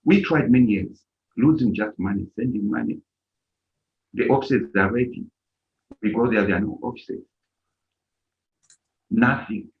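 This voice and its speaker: A middle-aged Zambian man who heads an organization delivers an impassioned speech at a live-streamed event, his fairly low voice moving at a measured pace with long pauses. He hammers his key points emphatically, rising almost to shouts. The stream audio is dull and lo-fi.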